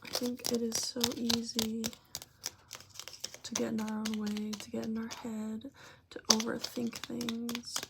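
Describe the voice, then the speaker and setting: A woman giving a breathy, whispered and very soft-spoken ASMR pep talk, speaking informally and gently to the listener. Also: on the high side, monotone, measured pace, heavy background noise. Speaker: ASMR creator giving advice.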